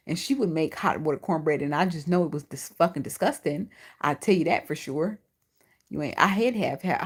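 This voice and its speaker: On her casual livestream, the host, a Chicago-accented woman with a lisp, answers chat with blunt, animated, profane remarks. She has a deep voice with a breathy edge.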